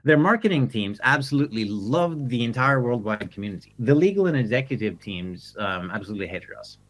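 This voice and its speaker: A middle-aged man from Norway, a company founder, telling his story in an interview in a measured way, often ending with "right?". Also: mid-range voice, expressive, fairly bright tone. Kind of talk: interview answers.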